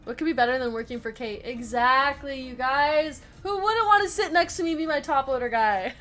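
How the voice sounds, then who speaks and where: A woman hosting a live sports card break, chatty and upbeat, reading out names and teams in quick lists and answering viewer comments. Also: high-pitched, a bit bright, faint music behind. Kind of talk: casual live-stream chat while opening card packs.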